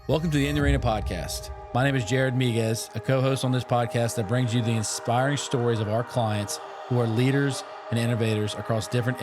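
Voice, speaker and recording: A man reads a scripted podcast intro in a polished announcer style, moving briskly through his lines. Clear music plays under his voice-over, and his pitch sits at a middle level for a man. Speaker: podcast co-host.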